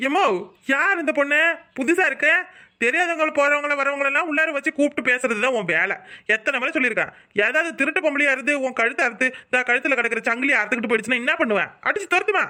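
A woman's voice: high-pitched, fast, sharp tone. A woman voicing a dismissive young husband who sides with his mother. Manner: dismissive, whiny.

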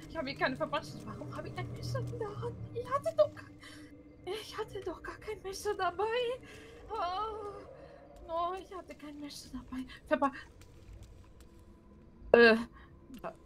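A woman playing a panicky, high-voiced frightened woman. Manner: panicky, babbling, talks to herself, slips into Spanish exclamations. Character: frightened young woman lost in a horror scene. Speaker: roleplay streamer. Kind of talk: live roleplay in a game. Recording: game noise behind the voice.

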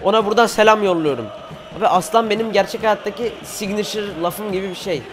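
A teenage boy from Turkey giving excited football game commentary, cheering on his players and shouting at missed chances. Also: sits high, fast, a little hiss or hum. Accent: Turkish. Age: teens. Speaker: gaming YouTuber.

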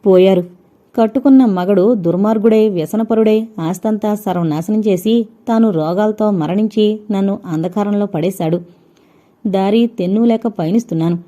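A woman's voice: medium pitch, normal speed, mellow, lightly acted. A woman voicing a grief-stricken, poor young widow who speaks heavily and sorrowfully, in an audio novel. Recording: dull lo-fi recording.

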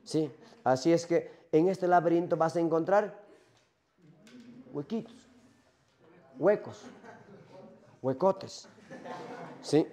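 A man's voice: fairly high pitch, slow, long pauses, dark tone. A man acting out a lonely male Minotaur who longs for death, speaking in a rambling first-person monologue full of rhetorical questions. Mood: morbid.

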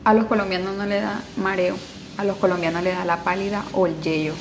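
Woman vlogger, mid-pitched, casual and playful, rhythmic explainer delivery, faint background noise. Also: little pitch movement, a little fast. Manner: playful, rhythmic contrasting of everyday sayings. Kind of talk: casual spoken explainer of slang.

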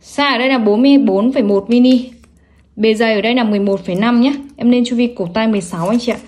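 A woman gives a salesy online product pitch at a brisk, rapid clip. Her voice sits a little high. She lists specifications and prices and keeps stressing selling points with emphatic praise. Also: darkish tone. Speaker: online watch seller presenting products. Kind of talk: sales product showcase, listing specs and prices.

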